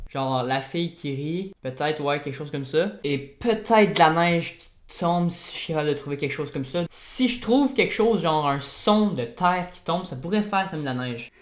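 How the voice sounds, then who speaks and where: A man with a Québécois accent chats his way through a vlog as he works. He is excitable and bursts into loud, happy exclamations whenever something goes well. His voice carries a roomy echo. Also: on the high side. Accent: Québécois French. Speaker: video editor and YouTuber. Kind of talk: casual vlog commentary while working.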